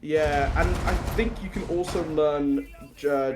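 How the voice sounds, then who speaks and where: A fairly high-pitched man speaks unhurriedly as he commentates a tactical shooter esports match play by play. Noisy game audio runs under the broadcast, and between plays he chats and makes self-deprecating jokes with his co-caster.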